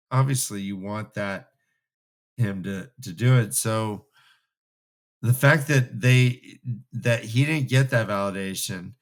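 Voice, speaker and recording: A man co-hosts a fantasy book re-read podcast, chatting casually in a rambling, imaginative way about the books. His voice sits in the mid-range and is a bit bright.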